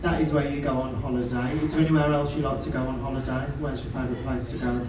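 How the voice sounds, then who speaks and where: A man's voice: mid-range voice, flat delivery, quick pace, heavy background noise. A man hosting an on-stage interview with a ship's captain, chirpy and showy. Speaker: cruise entertainment host. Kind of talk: stage interview, upbeat banter. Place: ship atrium stage. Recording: echoey onboard atrium, distant mic.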